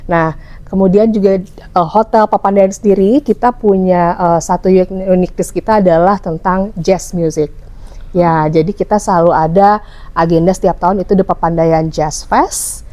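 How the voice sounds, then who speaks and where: A woman's voice: on the low side, fairly even intonation, normal speed, dark tone. A young woman from West Java with a Sundanese accent, a hotel publicist explaining her work in a casual podcast interview, with many fillers. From West Java, Indonesia. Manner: chatty, explanatory, frequent fillers. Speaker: hotel public relations officer.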